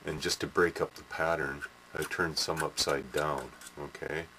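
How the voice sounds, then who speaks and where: Middle-aged guy, very low voice, rambling hobby demo, noisy camcorder sound. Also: steady tone, measured pace, pushed and bright. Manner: rambling, many fillers and restarts, tags "eh". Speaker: hobby modeler. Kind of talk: casual workshop demo. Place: small indoor workshop. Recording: noisy home camcorder audio.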